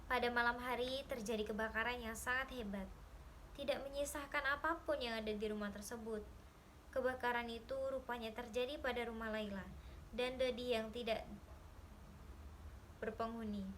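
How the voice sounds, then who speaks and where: A woman's voice: a little high, fairly even intonation, normal speed, pauses often, fairly bright tone, slight background noise, rough recording. A young woman, a literature student, reading a short story aloud with careful pacing and small slips and restarts. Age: young adult.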